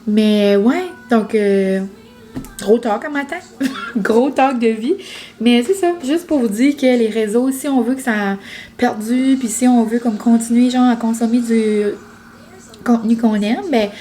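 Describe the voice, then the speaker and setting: Young female vlogger with a Quebec accent; a touch high-pitched, chatty and meandering, keeps restarting her sentences. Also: dark tone. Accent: Quebec French. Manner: rambling, full of fillers and restarts. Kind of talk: casual chat to camera.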